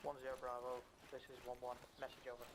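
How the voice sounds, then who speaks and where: A man's voice: medium pitch, monotone, quick pace. A man making clipped military radio calls with hesitant fillers, heard as a faint radio transmission with static bursts. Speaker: squad radio operator.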